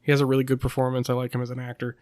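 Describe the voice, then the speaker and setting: A man's voice: mid-range voice, monotone, rapid-fire, a little mellow, clean tone, no echo, clean studio sound. A young man co-hosting a podcast, talking casually in a rambling way with many fillers and frequent laughs. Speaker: podcast co-host. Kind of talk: casual chat.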